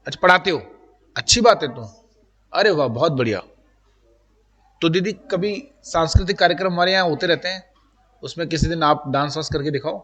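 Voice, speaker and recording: Lecturing to a classroom full of students, a man with a strikingly high voice addresses them directly and conversationally while slipping in English terms. He talks fairly quickly with long pauses, his tone slightly bright, and a long reverb lingers through the room.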